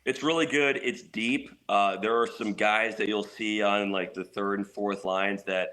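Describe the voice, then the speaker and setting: Appearing remotely from a couch at home, a hockey play-by-play announcer offers lively, chatty analysis as a sports radio guest. He speaks in a lowish, steady, unhurried voice with a sharp tone.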